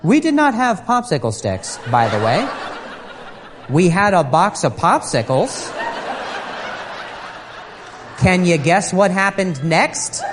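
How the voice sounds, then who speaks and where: A man performing stand-up with a sarcastic, exasperated edge, his voice rising and dropping in wide, animated swings. His pitch sits a little high for a man, and a faint murmur of ambience hangs in the background. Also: a little slow, noisy background. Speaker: stand-up comedian. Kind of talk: stand-up comedy routine.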